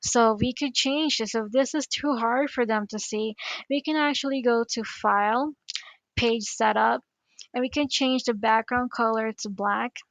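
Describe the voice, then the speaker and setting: A teacher coach from the Philippines, whose first language is Tagalog, speaks with a Filipino accent as she guides teachers through a screen-recorded tutorial. Her voice is fairly high, steady and a little slow, and she is chatty, explaining step by step while clicking. The recording is low quality but has no echo.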